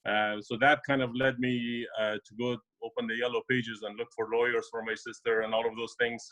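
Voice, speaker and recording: A man from Afghanistan speaks as a guest in a casual interview, his voice sitting at an ordinary middle pitch. He talks haltingly, filling pauses with ums and uhs and restarting his sentences. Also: level tone, fairly bright tone, lo-fi sound. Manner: hesitant, many fillers and restarts. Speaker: immigration lawyer guest.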